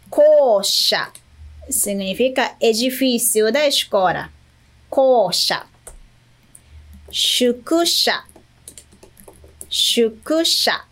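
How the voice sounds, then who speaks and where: A woman with a Japanese accent teaches vocabulary at an unhurried, deliberate pace. Her voice sits a little high, and she repeats each word and checks in with the listener after every point. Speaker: language teacher. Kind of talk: slow, patient Japanese lesson.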